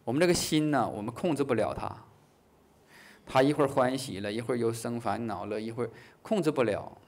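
A man teaching a Buddhist class in a lively way, acting out short dialogues, chuckling, and slowing down on key phrases. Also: medium pitch. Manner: slows down to stress key phrases. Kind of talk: dharma lecture.

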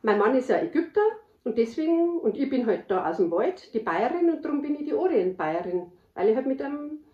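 A woman from the Bavarian Forest with a Bavarian accent, chatting loudly and laughing as podcast host. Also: a little high, very animated, brisk. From Bavarian Forest, Germany. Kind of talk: casual chat. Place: indoors at her parents' house. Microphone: camera microphone. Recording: roomy, dull camera-mic sound.

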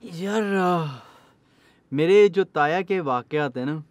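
A man's voice: on the high side, takes it slowly, no echo. A man, a horror storyteller and podcast guest, talking in an earnest storytelling way and dropping English phrases into casual conversation.

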